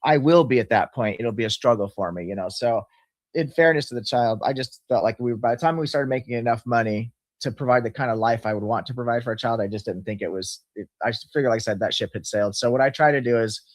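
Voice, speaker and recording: A man's voice: medium pitch, fast talker, dry recording. A man in his fifties in a casual discussion, talking earnestly and at length, sometimes laughing as he explains. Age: 50s. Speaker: channel host.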